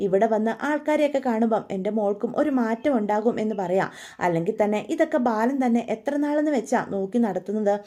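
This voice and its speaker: A woman voicing a scheming, smooth-talking middle-aged father in a retold soap story, in a coaxing tone. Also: on the high side, lively intonation, fast talker, mellow, natural voice.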